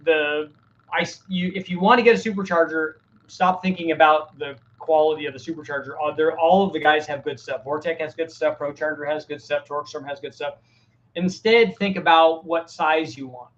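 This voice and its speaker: A man's voice: a little high, steady tone, moderate pace, fairly bright tone, highs cut off. A middle-aged man hosting a casual live Q&A, answering viewers' technical questions in a plain-spoken way, often restarting his sentences. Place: home workshop with a fan running.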